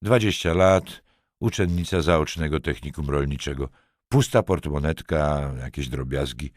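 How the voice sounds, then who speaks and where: A man voicing a brisk forensics chief. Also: extremely low pitch, no room sound, studio quality. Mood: reporting. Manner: quick factual reporting. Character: brisk middle-aged male forensics team chief.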